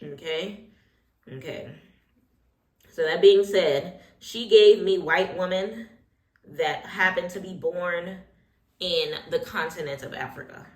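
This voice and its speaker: A sassy woman gives her opinions in a loose, chatty get-ready-with-me recap, dropping slangy asides as she goes. Her voice sits on the low side for a woman. The room around her is bare and echoey. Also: slow, pauses often. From Haitian heritage. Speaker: reality TV recap host.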